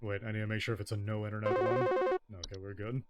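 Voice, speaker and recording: A man's voice: fairly low pitch, level tone, fast talker. Blunt man casually commentating a game. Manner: blunt, slangy, wry. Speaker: gamer commenting on his playthrough. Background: game music.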